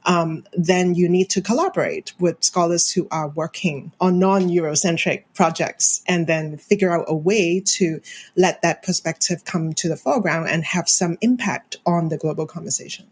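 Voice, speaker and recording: A woman's voice: lowish voice, moderate pace, breathy edge. Thoughtful woman academic from Hong Kong. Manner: thoughtful, with frequent fillers and light laughs. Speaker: film studies professor, guest. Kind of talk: conversational interview answers.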